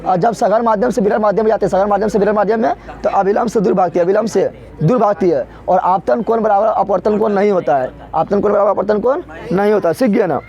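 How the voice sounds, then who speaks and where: A man's voice: high voice, quick pace, a little mellow. A male physics teacher giving a revision lecture, asking questions and answering them himself, repeating each answer, in a rustic colloquial way with everyday village comparisons. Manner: call-and-response drilling, repeats each answer. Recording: dull lo-fi recording.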